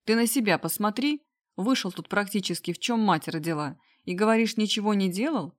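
Audiobook figure, woman doing an enraged young man who shouts threats at his sister's boyfriend; loud and forceful. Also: mid-range voice, a little fast, close to an everyday voice. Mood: furious. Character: angry young man, protective older brother.

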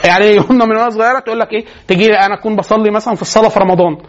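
A man with an Egyptian accent giving a religious lecture on parenting, telling lively stories and laughing often. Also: high voice, very fast, dull audio. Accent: Egyptian Arabic.

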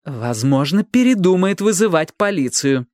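A man reading an audiobook voices a firm, level-headed young woman who speaks clearly and decisively. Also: sits high, sing-song, fairly quick, no echo, pitched above the performer's own voice. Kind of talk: audiobook character voice.

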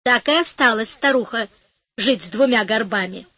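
Woman narrator, fairy tale audiobook, high lively voice, slow, dry close studio sound. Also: no echo. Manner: gentle, expressive storytelling.

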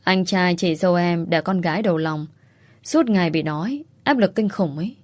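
A woman's voice: on the low side, moderate pace, darkish tone, dry recording, clean studio sound, close to an everyday voice. A woman voicing a sly, smug young female teacher who pries breezily. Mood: prying.

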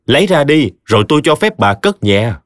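A man's voice: mid-range voice, very animated, normal speed, dry recording, clean studio sound, close to an everyday voice. A man doing a stern scornful village chief. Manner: commanding and contemptuous.

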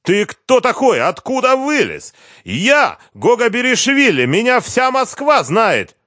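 Man playing a ranting boss, high strained voice, shouting threats, dry sound. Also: sing-song, moderate pace, dry recording. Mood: furious. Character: bullying blustering male company boss.

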